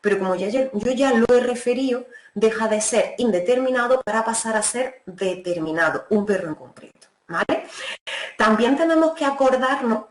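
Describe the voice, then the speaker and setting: Teacher explaining grammar patiently. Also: female voice, fairly high pitch, lively intonation, echoey room, low-quality recording. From Spain. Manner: patient, explanatory, frequent "¿vale?" checks, slows down for English examples. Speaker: English teacher. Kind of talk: online class explanation.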